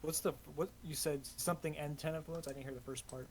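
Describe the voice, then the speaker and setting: A man playing a tabletop game, making quiet, soft-spoken asides. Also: fairly high pitch, steady tone, fast talker, a crowd in the background. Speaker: player.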